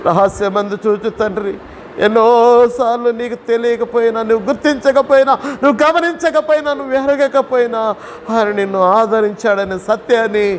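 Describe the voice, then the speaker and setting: A man's voice: very high-pitched, fairly even intonation, moderate pace, a little hiss or hum. A male pastor preaching a Sunday sermon, pleading and consoling through long strings of repeated rhetorical questions. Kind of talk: Sunday sermon with sung refrains.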